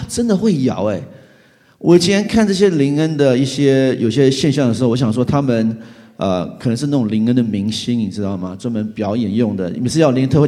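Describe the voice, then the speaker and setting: A middle-aged pastor giving an animated testimony sermon, acting out his own reactions as he tells the story. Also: medium pitch. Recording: long hall reverb.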